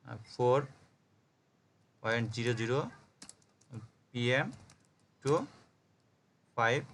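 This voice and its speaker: A man's voice: mid-range voice, steady tone, extremely slow, creaky, fairly bright tone, slight background noise. A man from Bangladesh teaching a programming class on a call, explaining step by step and often checking that students follow. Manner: explains step by step, spells words letter by letter, checks understanding often. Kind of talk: live coding lesson on a call.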